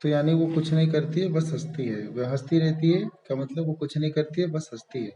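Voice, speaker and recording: A man's voice: on the high side, fairly quick, warm tone, echoey room, slight background noise, poor audio. A man teaching English grammar step by step, patiently repeating key terms and checking in often. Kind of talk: step-by-step classroom explanation.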